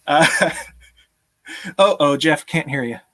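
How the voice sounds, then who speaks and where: On a video call from a small indoor room at home with a sloped ceiling, a man in his thirties hosts a casual live stream, chatting with viewers and chuckling often. His voice is on the high side, bright and forceful.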